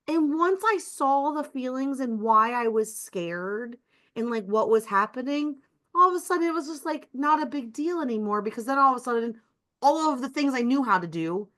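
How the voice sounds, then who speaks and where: A woman's voice: high-pitched, expressive, normal speed, fairly bright tone. A woman in a casual podcast conversation, telling a personal story in a chatty, emotional way and saying "like" constantly. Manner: chatty and emotional, heavy use of "like".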